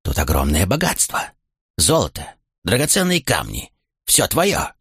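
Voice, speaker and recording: A man's voice: deep voice, wildly swooping pitch, unhurried, fairly bright tone, husky, no echo, clean studio sound, full character voice. A man voicing a cowardly traitor who wheedles, bargains and begs in a nervous voice. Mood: wheedling.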